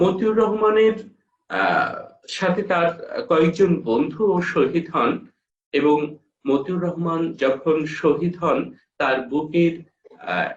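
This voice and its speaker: Slow, halting male teacher, echoey room. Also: on the high side. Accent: Bangladeshi Bengali. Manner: slow, halting, with frequent drawn-out "ah" pauses; reads quoted letters aloud. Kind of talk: classroom lecture on a poem. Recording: echoey room, far mic, dull lo-fi sound.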